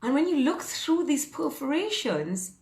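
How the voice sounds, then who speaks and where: A woman's voice: high voice, big pitch swings, unhurried, darkish tone, reverberant. A woman in her fifties, a fitness and mindset coach, chatting casually and upbeat on a live stream, rambling with plenty of fillers. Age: 50s. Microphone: phone or webcam on a live stream.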